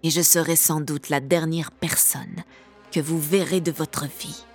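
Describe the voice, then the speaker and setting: A woman's voice: low voice, fairly even intonation, measured pace, husky, faint music behind. A woman voicing a vengeful, menacing witch. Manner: menacing, hushed growl.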